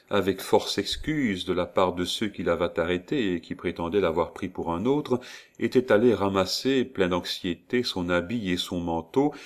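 A man narrating a novel aloud in a measured, steady way. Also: deep voice. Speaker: audiobook reader.

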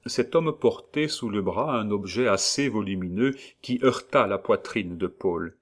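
A man narrating a classic novel aloud in a measured, unhurried way. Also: on the low side. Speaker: audiobook narrator.

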